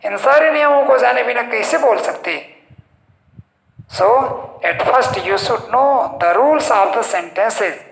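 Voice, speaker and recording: A male English teacher giving a slow, explanatory grammar lesson in Hindi, posing rhetorical questions and answering them himself. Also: very high voice, animated, gravelly, a bit bright, a little hiss or hum. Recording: echoey room.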